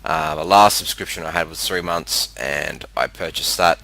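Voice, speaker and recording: Deep, bright Australian man on cheap headset mic. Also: normal speed, vocal fry. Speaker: video game presenter. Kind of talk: casual screen-capture commentary. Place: room with a fan running.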